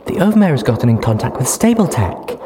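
A naive, giggly young pony mare who gushes loudly and happily, her voice pitched well up and swooping, as a man puts her on. She talks like a storybook sweetheart with no guard up at all. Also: big pitch swings, fast, background noise, close to an everyday voice. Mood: gushing. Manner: gushing and loud.

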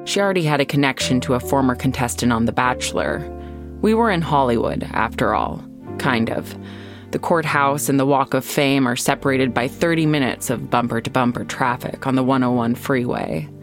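An American woman hosting and narrating a scripted true-crime podcast in a measured storytelling way with deliberate pauses. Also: a bass voice, over music.

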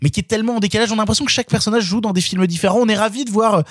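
A man critiquing a film in casual conversation, animated and exasperated. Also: sits high, no echo, clean studio sound. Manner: animated, exasperated, quick-talking. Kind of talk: casual film review chat.

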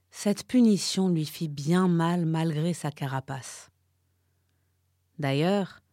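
A woman narrating a children's story in a slow, expressive way. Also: deep voice, no echo, studio quality.

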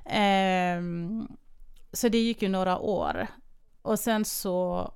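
A woman's voice: medium pitch, fairly even intonation, darkish tone, clear, resonant tone. A woman in her thirties co-hosting a podcast, telling a story in casual chat and acting out the quoted dialogue with animation. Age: 30s. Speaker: podcast co-host.

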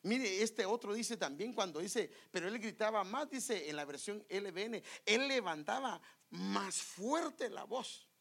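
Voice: medium pitch, animated, measured pace, vocal fry, hardly any pauses, a bit bright. A preacher gives a sermon in a church, acting out the cries of Bible figures.

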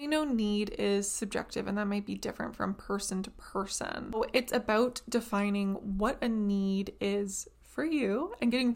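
A woman hosting a casual monologue podcast, chatty and rambling, with lots of "like". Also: mid-range voice. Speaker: podcast host.

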